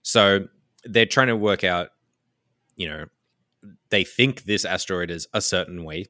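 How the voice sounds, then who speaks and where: Low-voiced man explaining with animated enthusiasm. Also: unhurried, no room sound, studio quality. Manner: animated explainer with filler words and laughs. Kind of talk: casual chat.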